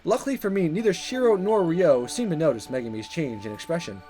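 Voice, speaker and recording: Over faint background music, a man hosts a gaming video, reading a visual novel aloud with playful, casual let's-play commentary. His voice is fairly high and dark in tone, with lively intonation and a fairly quick pace.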